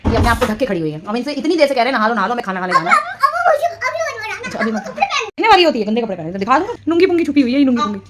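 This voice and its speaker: A young woman vlogging her day at home and at her coaching class, teasing and scolding family members in a lively, playful way, filmed on a handheld phone. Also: on the high side, racing. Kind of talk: casual daily vlog narration. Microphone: phone camera, handheld. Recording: loud background noise on phone recording.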